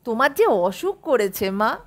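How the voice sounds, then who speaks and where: A woman narrator voicing a grown daughter who speaks softly and coaxingly to her sick mother in an audiobook story. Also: a little high, sing-song, unhurried, pitched below the performer's own voice. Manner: soft, coaxing. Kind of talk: audiobook character voice.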